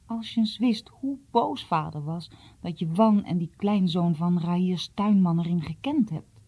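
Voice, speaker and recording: A woman's voice: lowish voice, measured pace, dark tone. A woman doing a grieving, reproachful mother. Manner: reproachful, tearful.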